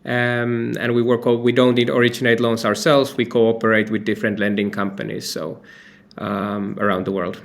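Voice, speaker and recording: A Finnish man, founder and CEO of a company, appears as an interview guest. His medium-pitched voice stays fairly flat at a normal speed, and his answers ramble loosely with lots of fillers and false starts.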